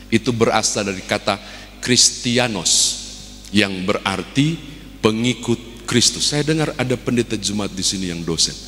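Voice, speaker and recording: A man's voice: fairly low pitch, sharp tone. Manado-accented preacher guy giving a sermon, big hall echo, faint hum behind. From Manado, Indonesia. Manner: storytelling preacher acting out a joke. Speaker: pastor.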